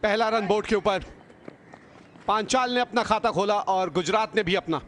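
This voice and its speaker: A man's voice: sits high, moderate pace, a bit bright, slight background noise. A man with an Indian accent giving conversational, reflective live cricket commentary as a broadcaster.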